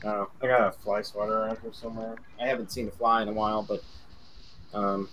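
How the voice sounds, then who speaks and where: A man's voice: fairly low pitch, level tone, a little fast, fairly bright tone, a little hiss or hum, low-quality recording. A man narrating as game master in a tabletop game over voice chat, talking casually and rambling with fillers.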